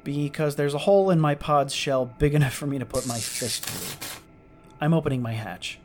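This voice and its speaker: In a science fiction audio drama with a clearly noisy, clicking track, a man with a fairly high, everyday-sounding voice plays a sardonic, irritable starship lieutenant stranded after a disaster. Speaking at normal speed, he mutters in exasperation and makes hesitant asides, and the mood is tense and cautious.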